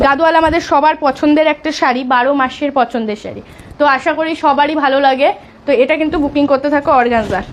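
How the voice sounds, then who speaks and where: A woman selling sarees on a live stream, talking softly because of a sore throat and urging viewers to book fast. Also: high voice, a little hiss or hum. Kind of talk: live sales pitch.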